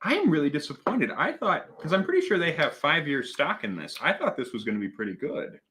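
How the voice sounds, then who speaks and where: A man's voice: fairly high pitch, very animated, fairly quick, bright, forceful tone, slight background noise. A man hosting a casual livestream, chatting, laughing often and reading out viewer comments. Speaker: host.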